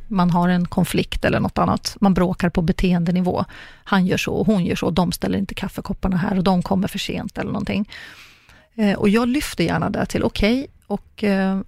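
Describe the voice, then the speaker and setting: A woman's voice: fairly low pitch, vocal fry, a little mellow, dry recording, studio quality. A middle-aged woman, a coach, explaining ideas in a chatty way with acted-out example dialogues. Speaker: coach and communicologist guest. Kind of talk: casual podcast conversation.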